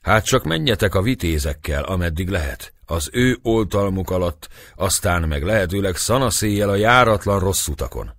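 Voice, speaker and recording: A man's voice: deep voice, lively intonation, few pauses, fairly bright tone, no echo, clean studio sound, voice pushed up. A man reading an audiobook, voicing a stern old priest who admonishes and blesses a crowd. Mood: earnest plea. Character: stern old village priest, grave and commanding.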